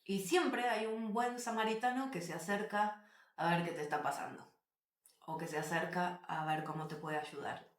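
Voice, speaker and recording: A woman talks straight to her viewers, telling travel anecdotes in a casual, animated way. Her voice sits a little low, and she leans on emphatic repetition. The recording has a noticeably roomy echo. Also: moderate pace. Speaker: travel vlogger. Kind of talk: casual storytelling to camera.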